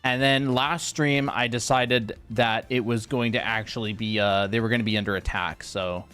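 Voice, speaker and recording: A man's voice: medium pitch, steady tone, normal speed, pushed and bright, smooth, faint music behind. A young man co-hosting a drawing livestream, chatting casually and joking around. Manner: joking, playful, sings filler syllables. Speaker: co-host of art livestream.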